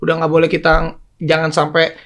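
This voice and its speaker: A man chatting casually as a podcast guest, quick and joking. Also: a little high, completely flat delivery, a bit bright.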